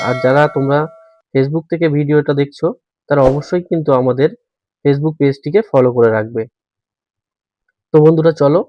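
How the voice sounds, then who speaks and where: A man talks viewers patiently through a screen tutorial in a slightly high voice. The recording is dry and a little dull. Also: dark tone, no room sound. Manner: patient, step-by-step explaining, addressing viewers as friends. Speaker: tutorial host. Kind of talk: screen-recorded how-to walkthrough.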